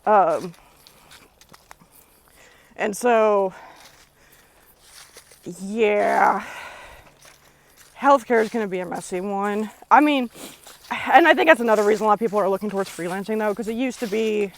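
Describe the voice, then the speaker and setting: A woman's voice: mid-range voice, a little slow, long pauses. Woman vlogger, winded, talking loosely and candidly outdoors on a kick scooter. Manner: rambling, candid, swears casually. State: out of breath. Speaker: freelancer vlogger. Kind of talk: off-the-cuff casual vlog.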